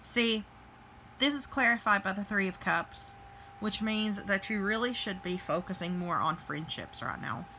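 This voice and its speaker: Bright-voiced woman doing a chatty tarot reading. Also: medium pitch, unhurried, a little hiss or hum, rough recording. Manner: chatty, thinks aloud, fillers and restarts. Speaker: tarot reader. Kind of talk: casual tarot reading to camera.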